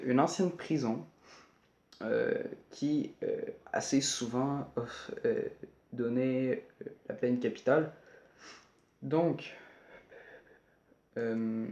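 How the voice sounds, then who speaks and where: A man's voice: medium pitch, darkish tone. A man from Canada, talking casually through a list of places while reading his notes, full of hesitations and joking asides. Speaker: YouTuber. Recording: roomy, somewhat dull home recording.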